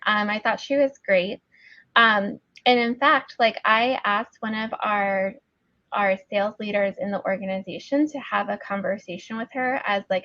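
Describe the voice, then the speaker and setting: A woman's voice: medium pitch, no echo, highs cut off. A woman speaking as a guest in a webinar conversation, telling stories chattily and often saying "like", over a video call. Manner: chatty storytelling with frequent "like" fillers. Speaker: guest speaker on sourcing teams.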